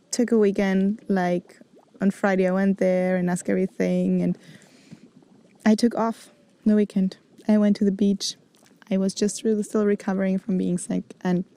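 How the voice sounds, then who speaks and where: Hosting a casual personal vlog, a freediving instructor and show host in her forties talks informally, sometimes reaching for words in English, which isn't her native language; she was raised in Greece and Germany. Her voice is medium in pitch and mellow.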